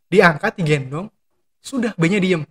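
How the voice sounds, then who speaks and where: A man's voice: high voice, unhurried, fairly bright tone, husky. A young adult man, a pastor, chatting casually about faith in slang and acting out prayers in quoted voices. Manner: slangy Jakarta-style talk, acts out prayers in quoted voices. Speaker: pastor and guest.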